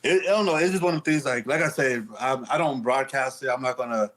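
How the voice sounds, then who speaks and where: A man's voice: medium pitch, fast talker, a bit bright. A man speaking candidly as an interview guest, telling stories casually in streetwise slang with some swearing.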